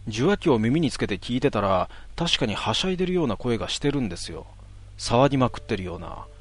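A man telling a ghost story in a hushed voice, with drawn-out words and dramatic pauses. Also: medium pitch, sing-song, no echo.

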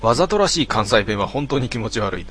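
Man, deadpan comment reader, lively up-and-down intonation, faint music behind. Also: mid-range voice, fast. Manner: deadpan, wry retorts between readings. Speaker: host reading out listener posts. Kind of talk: casual commentary reading comments.

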